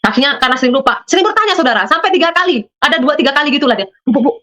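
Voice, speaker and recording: High, expressive and sharp-toned, this woman talks very fast. She's a guest from Madura, Indonesia, recounting a religious testimony in storytelling fashion, imitating the people involved and often calling out to her listeners.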